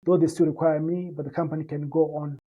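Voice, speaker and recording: Fast and flat in delivery, with a fairly high pitch and lo-fi sound, a Zimbabwean man, first language Shona, answers interview questions. As a company founder, he earnestly pitches his business in a conversational way, using many fillers and repeated words.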